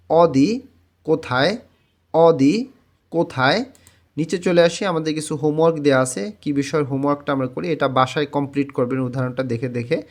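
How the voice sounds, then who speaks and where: Guy teaching words, says each one twice slow, kinda high voice. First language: Bengali. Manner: repeats each word twice, slow and drawn out. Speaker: Korean language teacher. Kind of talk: textbook vocabulary lesson.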